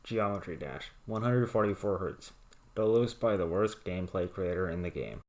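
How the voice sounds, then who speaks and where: A man reading written rants aloud in a flat, deadpan monotone. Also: deep voice, normal speed.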